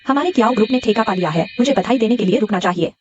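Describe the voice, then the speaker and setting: A woman with a breathy voice dubbing a drama, voicing an eager younger sister. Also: medium pitch, lively intonation, rapid-fire, lo-fi sound, background noise, close to an everyday voice. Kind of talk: dubbed drama dialogue.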